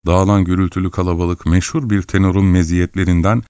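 Deep-voiced male audiobook narrator. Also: little pitch movement, a little fast, darkish tone, clear, resonant tone, dry recording, studio quality. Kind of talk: scripted narration.

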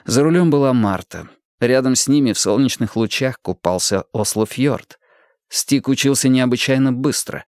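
A man's voice: mid-range voice, lively intonation, moderate pace, darkish tone, no room sound. Man narrating an audiobook, dry. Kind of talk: scripted narration.

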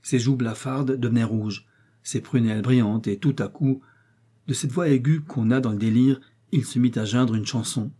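A man reading a classic story aloud as an audiobook narrator, in a measured storytelling manner. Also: medium pitch, dark tone, slightly rough. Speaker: audiobook reader. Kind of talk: scripted literary narration.

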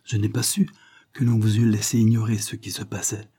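A man voicing a shy, flustered young noblewoman in a read-aloud novel, pitching his husky voice up for her replies. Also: flat delivery, brisk, warm tone. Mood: shy, earnest.

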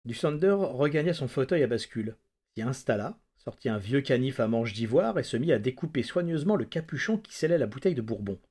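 A man reading a dark story aloud in a measured, dramatic narrating voice. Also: medium pitch, animated, husky. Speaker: reader. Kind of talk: audiobook reading.

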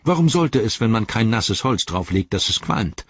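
A sturdy hobbit servant, as a male audiobook reader plays him, deep and husky, speaking bluntly and grumbling. The dry, dull recording sits close and lo-fi. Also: big pitch swings, moderate pace, no room sound. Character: stout-hearted gruff male hobbit servant. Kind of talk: audiobook character voice.

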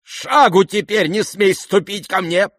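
A man voicing an irascible aristocratic older woman who scolds and shouts imperiously in an audiobook. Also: high-pitched, a little slow, no room sound, clean studio sound, voice pushed up. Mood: furious. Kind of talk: audiobook character voice.

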